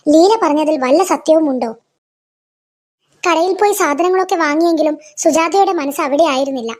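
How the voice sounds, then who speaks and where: High-voiced woman narrating a cartoon story. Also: a little fast, a little mellow.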